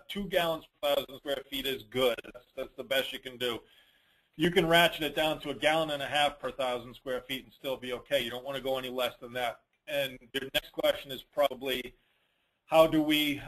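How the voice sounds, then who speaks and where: A man's mid-range, a bit bright voice comes through a low-quality recording. He hosts a dealer network conference call, answering questions and advising informally. He speaks bluntly and colloquially, repeating key points for emphasis.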